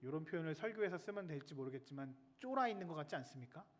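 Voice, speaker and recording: A male military chaplain preaching a sermon in a lively, chatty way, joking with the children in the pews. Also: fairly high pitch, very fast.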